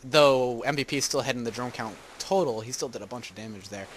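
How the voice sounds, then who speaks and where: Fast-talking caster on a breaking-up call. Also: male voice, medium pitch, a little hiss or hum. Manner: rapid, conversational play-by-play. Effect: voice cutting out over a bad internet call connection. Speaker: esports commentator. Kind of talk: co-casting a strategy game match. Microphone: internet voice call.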